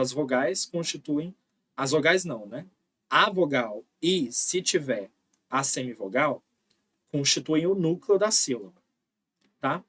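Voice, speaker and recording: A man's voice: on the high side, slightly rough, no room sound. A man giving an online phonology lesson, explaining patiently and often checking in with "tá?". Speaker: linguistics teacher.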